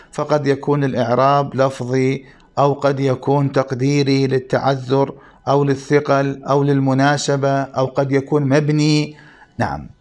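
A man giving a grammar lesson, who asks questions and answers them himself, slowing down to stress key points. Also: mid-range voice. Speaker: grammar teacher. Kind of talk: classroom lesson explaining Arabic grammar.

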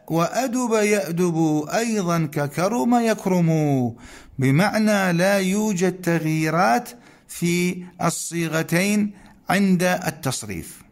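A man teaching a classical grammar text, reciting verb conjugations slowly and deliberately, chanting some forms, and putting rhetorical questions to his students. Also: high voice.

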